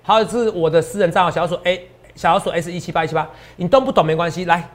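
Male finance host, Taiwanese Mandarin accent, high voice, rapid and emphatic delivery. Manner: emphatic and repetitive, often ends lines with a tag question. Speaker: stock market analyst host. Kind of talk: animated market commentary.

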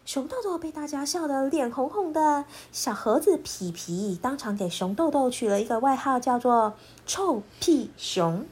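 A woman storyteller narrating a children's storybook in an expressive, lilting voice. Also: high voice, slight background noise. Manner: expressive, lilting, slow and clear.

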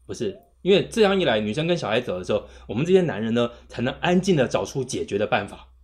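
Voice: medium pitch, very animated, fast talker. A podcast co-host in casual chat, teasing the others and laughing often while telling jokes.

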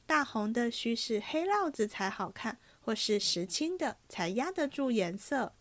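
A woman reading aloud and voicing a lively fifteen-year-old maid who talks in a bright, chatty, teasing way. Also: on the high side, a little slow, no echo. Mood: cheerful.

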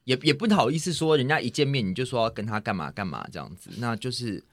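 A man's voice: fast talker, dry recording. A man co-hosting a podcast in casual chat, telling a story animatedly and acting out both sides of the dialogue. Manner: animated storyteller, acts out dialogue with big pitch jumps. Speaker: podcast co-host.

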